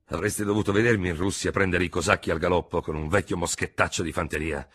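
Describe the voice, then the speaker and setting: A man voicing a proud, embittered old male cavalry general who blusters and speaks dogmatically, in a husky voice. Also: deep voice, steady tone, fast talker, fairly bright tone, exaggerated voice. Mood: grumbling.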